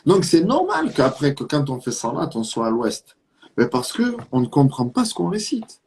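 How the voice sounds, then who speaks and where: A man's voice: a little high, huge pitch swings, moderate pace, a little mellow, husky. A man from Marseille with a southern French accent giving an earnest religious talk, urging the listener with rhetorical questions and repetition. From France (Marseille). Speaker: Islamic preacher.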